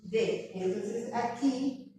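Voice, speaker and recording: A woman's voice: fairly high pitch, extremely slow, warm tone. A young woman teaching English grammar to a class, patiently quizzing her students and having them repeat words after her. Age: young adult. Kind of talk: classroom lesson. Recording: very echoey classroom, distant mic, faint hiss.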